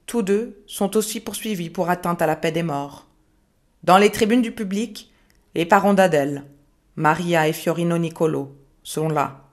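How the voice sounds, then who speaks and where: A woman narrates a true-crime case in a measured, serious tone. She lets phrases hang with dramatic pauses, at a voice pitch typical for a woman.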